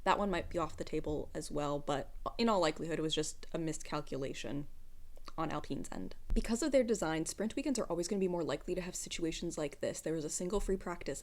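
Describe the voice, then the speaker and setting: A woman's voice: lowish voice, a little mellow. A woman with a just-woke-up morning voice, explaining things informally and articulately like a vlogger. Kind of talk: informal explanatory commentary to camera.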